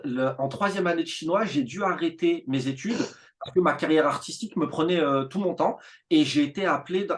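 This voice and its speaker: A man in his thirties, a teacher telling his school story in a relaxed interview, animated and full of fillers and restarts. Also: fairly high pitch. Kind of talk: casual conversational interview.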